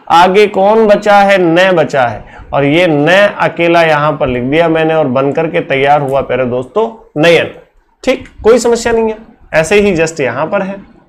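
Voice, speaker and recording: A male teacher with a fairly high voice leads a classroom lecture at a measured, unhurried pace. He works through each step slowly and keeps throwing quick questions back at his students to check they follow. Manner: explains step by step with constant rhetorical questions to students.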